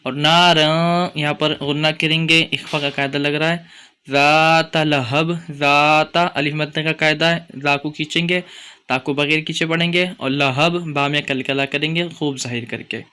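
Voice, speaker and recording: Bright, clear-voiced Quran tutor. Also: male voice, fairly high pitch, fairly even intonation. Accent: Pakistani Urdu. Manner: explains rules, then chants verses slowly. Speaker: Quran teacher. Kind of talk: tajweed lesson with chanted recitation.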